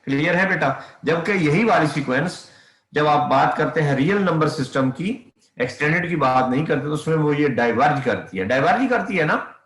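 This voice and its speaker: A man's voice: a little high, animated, moderate pace, fairly bright tone, roomy sound. A man teaching a math class online, often calling his students "beta" and checking whether they can hear him. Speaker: math lecturer.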